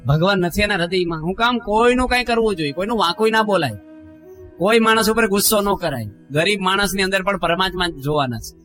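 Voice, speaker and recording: Faint music plays behind a middle-aged monk whose voice sits high and runs a little fast and bright. His religious discourse is full of anecdotes and acted-out quotes, his voice rising and dropping as he tells the stories.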